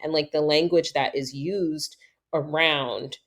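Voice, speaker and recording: Low-voiced woman hosting a chat. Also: fairly even intonation, slow pace. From New York, USA. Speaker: podcast host. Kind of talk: casual interview chat.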